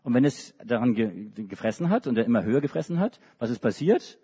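Speaking a little fast with lively intonation, a middle-aged Hamburg preacher stumbles through a children's story in church, restarting and hesitating often. His mid-range voice is dark and husky, and the recording sounds dull in an echoing hall.

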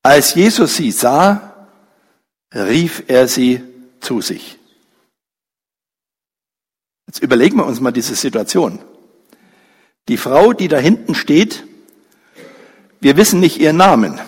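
A man's voice: sing-song, husky. A man preaching a sermon, telling a story dramatically and briefly acting out the people in it. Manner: slow, pausing delivery with wide pitch swings. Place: church hall. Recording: reverberant church hall.

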